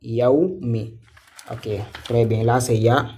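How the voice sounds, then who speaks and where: A man teaching a reading lesson live, slow and patient as he sounds out each syllable again and again. His voice is dark and mellow, and he keeps checking in with students and praising their answers. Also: mid-range voice, fairly even intonation.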